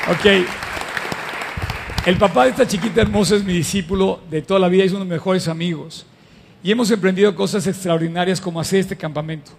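A middle-aged man preaching a lively sermon to a live congregation, asking the crowd questions as he goes. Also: high voice, brisk, creaky, in a large hall, a little hiss or hum. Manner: animated and conversational, addresses the audience with questions. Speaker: pastor.

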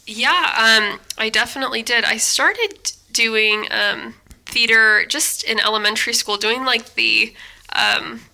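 A woman raised in the Bay Area, talking as a podcast guest in a relaxed, thoughtful way with frequent ums. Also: a little high, a little slow, creaky. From Taiwan, raised in the San Francisco Bay Area. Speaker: podcast guest, theater director. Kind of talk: casual interview chat.

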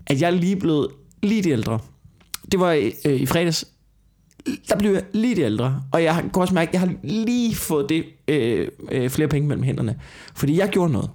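A man's voice: a little high, darkish tone. A young man, co-hosting a casual podcast chat, swearing freely and telling stories with animation. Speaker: podcast co-host.

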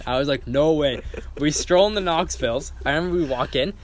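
A man's voice: fairly high pitch, a little fast. A young man telling a story in casual chat, acting out quotes and swearing freely. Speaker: guest storyteller.

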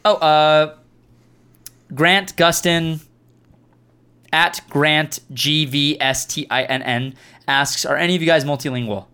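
A host who speaks Farsi and English reads viewer questions in a casual group Q&A chat, offering advice to beginner video makers. He talks emphatically and earnestly, with a fairly high, sharp, smooth voice and fairly even intonation, going slowly with long pauses.

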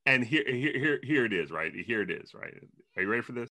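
Animated, bright-voiced man, theatrical. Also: mid-range voice, brisk, no echo. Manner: theatrical, emphatic declarations. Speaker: sports podcast panelist. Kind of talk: casual sports commentary.

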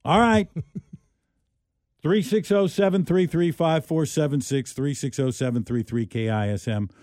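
A man co-hosts a morning radio show in a slightly high voice. He chats eagerly and keeps firing questions at listeners. The sound is dry and close, with no room echo. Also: a little slow. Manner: chatty, animated questioning of listeners. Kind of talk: casual morning radio chat.

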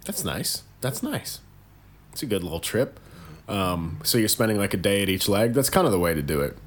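A man's voice: lowish voice, expressive, fast, slight background noise. A man co-hosting a podcast in casual banter, laughing often, teasing and swearing freely. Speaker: podcast co-host.

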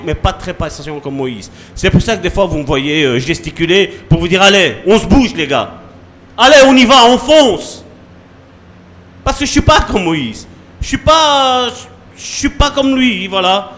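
A man delivers a sermon as pastor, his voice sitting high for a man. His pitch leaps and dips constantly, dropping to hushed asides and then rising to loud rallying calls. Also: moderate pace, slight background noise. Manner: lively preaching, sudden drops to soft asides and rises to loud calls.

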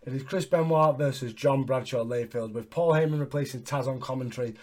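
A man hosting a casual recap chat with sweary, excitable fan talk. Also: mid-range voice, a little fast. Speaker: wrestling podcast host.

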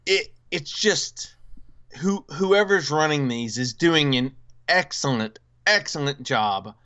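Male co-host, casual, eager, halting; smooth voice, muffled audio. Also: on the high side, expressive, pushed and bright. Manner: enthusiastic, halting with restarts. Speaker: podcast co-host. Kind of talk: casual chat.

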